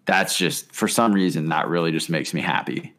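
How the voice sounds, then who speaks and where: A man co-hosting a casual podcast, relaxed and amused, thinking out loud as he talks. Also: sits low, moderate pace. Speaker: podcast co-host.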